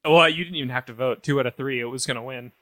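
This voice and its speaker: A man's voice: medium pitch, very fast, sharp tone, no echo. A man co-hosting a comedy podcast, bantering playfully in an improvised sketch. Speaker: podcast co-host.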